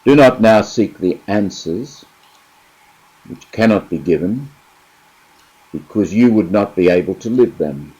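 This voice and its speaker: A middle-aged man, giving a reflective spiritual talk and reading a story, slow and measured, pausing between phrases. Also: fairly low pitch, expressive, mellow, husky, rough recording. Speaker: spirituality teacher.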